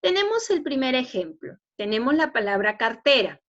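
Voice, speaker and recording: A woman with a Peruvian Spanish accent teaching a spelling lesson to students, explaining patiently and checking understanding with quick questions. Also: high voice, sing-song, fairly bright tone. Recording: dull lo-fi recording.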